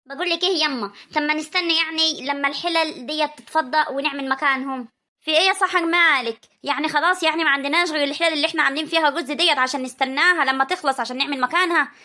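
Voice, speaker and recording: A woman's voice: high-pitched, very fast, sharp tone. A woman with a rural Egyptian accent playing a tired young daughter who pleads with her mother. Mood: pleading. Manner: whiny, pleading.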